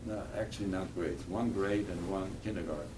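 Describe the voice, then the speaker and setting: An older Polish man with a deep voice, whose first language is Polish, is a guest speaker giving a talk and Q&A to schoolchildren in a school room. He speaks haltingly and earnestly, restarting phrases. The mic is distant and picks up background noise.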